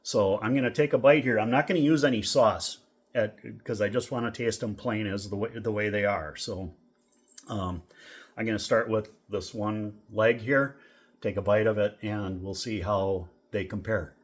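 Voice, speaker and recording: A middle-aged man from Minnesota talks through a casual food review. His voice sits a little low. He rambles in an easygoing way and leans on fillers. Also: fairly even intonation, moderate pace. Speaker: vlogger.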